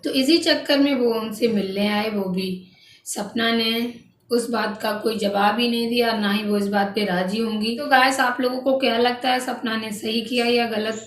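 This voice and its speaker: A woman vlogger casually narrates family gossip to her viewers, often saying "guys" and restarting her sentences. Her slightly high voice has fairly even intonation at normal speed, recorded on a distant mic in an echoey room with faint background noise.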